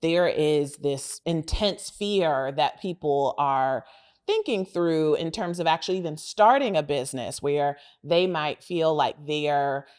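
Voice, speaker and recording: A woman's voice: deep voice, animated, unhurried, a little mellow, smooth. A woman hosting a podcast interview, asking open questions and affirming her guest. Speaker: podcast host.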